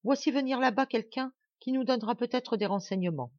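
Woman reading as grave old baron, measured, dull dry recording. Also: a little high, dry recording, pitched above the performer's own voice, lightly acted. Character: grave older baron, worried father.

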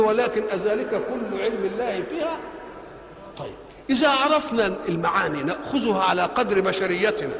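An older man with an Egyptian Arabic accent, a religious scholar giving a colloquial exegesis lesson, asking rhetorical questions and answering them himself. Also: sits high. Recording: reverberant hall with faint background noise.

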